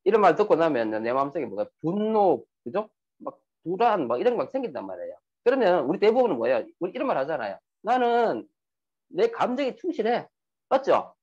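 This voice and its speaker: Lively man giving a motivational talk. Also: on the high side, fast, slightly rough. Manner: lively, asks the audience questions. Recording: muffled lo-fi recording.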